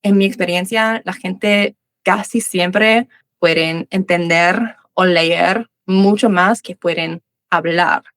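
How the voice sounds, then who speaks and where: Australian woman, english teacher, lowish voice, dry close sound, hesitant second-language spanish, lots of "ok" and restarts. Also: fairly even intonation, a bit bright, dry recording. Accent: Australian English speaker in Spanish, Uruguayan voseo. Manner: halting learner Spanish with many restarts and "ok". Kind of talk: casual interview chat.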